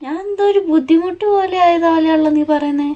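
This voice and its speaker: A woman's voice: very high-pitched, quick pace, mellow, lo-fi sound. A woman in a home vlog, hurt and reproachful as she argues with her husband, picked up by a camera some way off. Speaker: vlogger, wife being pranked. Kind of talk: casual home vlog, upset argument.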